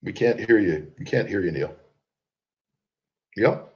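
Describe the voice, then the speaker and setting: A man with a cold hosts an online group conference call, speaking at a measured pace in a lowish, darkish voice. He's chatty and mocking, repeats himself and coughs when he laughs, all captured on a computer call mic with dull, lo-fi conference audio.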